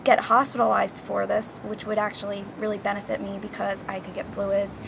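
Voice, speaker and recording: A woman's voice: medium pitch, little pitch movement, fairly quick, creaky, background noise. A woman in her twenties, talking frankly and with exasperation to the camera in a personal vlog, recorded outdoors on a camera mic. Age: 20s. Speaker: vlogger. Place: outdoors on a yoga mat.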